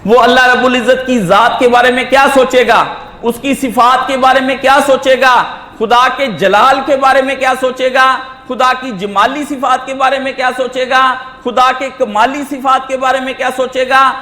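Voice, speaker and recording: A man preaches a Friday sermon in an unusually high voice. He hammers his listeners with rhetorical questions and swells into emphatic shouts. His voice rings through a roomy mosque hall with a long reverb tail. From Pakistan.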